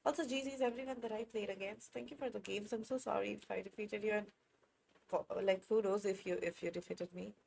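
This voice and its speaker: A woman's voice: medium pitch, steady tone, brisk, creaky, a little mellow, a little hiss or hum. A woman in her twenties with an Indian English accent, chatting casually with viewers on a live chess stream, reacting to chat and laughing often. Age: 20s.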